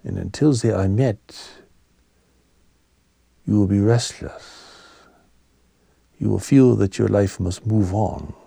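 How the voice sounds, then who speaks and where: Calm, gentle man with a very mellow voice. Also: fairly low pitch, vocal fry, husky, no room sound, clean studio sound. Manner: calm, gentle, solemn delivery in measured short phrases. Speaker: spiritual teacher. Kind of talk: spiritual sermon.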